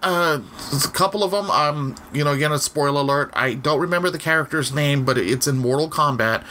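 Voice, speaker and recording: A man's voice: medium pitch, pushed and bright, a little hiss or hum. A man co-hosting a game review podcast in casual chat, rambling along with many fillers and repeated "again". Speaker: podcast co-host.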